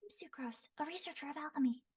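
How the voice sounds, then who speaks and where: A woman voicing a shy, nervous young alchemist who speaks quickly in an airy voice and blurs her words. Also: high voice, a little mellow, distant mic, pitched above the performer's own voice, natural voice.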